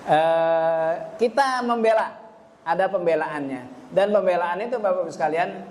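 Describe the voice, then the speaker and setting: A man's voice: sits high, moderate pace. A middle-aged man, a religious teacher giving a parenting lecture at a study gathering. He keeps turning to the audience and acts out what parents and children say.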